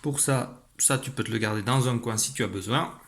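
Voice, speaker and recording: A man's voice: mid-range voice, fairly bright tone, slight background noise. Patient male teacher explaining phonics. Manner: patient, clear, slow demonstrating to a child. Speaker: primary school teacher. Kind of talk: online phonics lesson.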